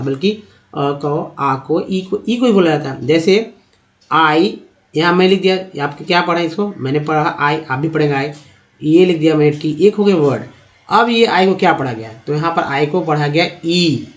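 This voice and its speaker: A man teaching a lesson over slides, asking his own questions and answering them, and repeating words slowly to show how they sound. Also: high-pitched.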